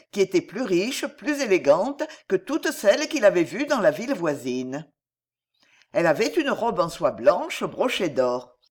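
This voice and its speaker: A woman reading a classic children's storybook aloud in a measured, expressive storytelling manner. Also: fairly low pitch.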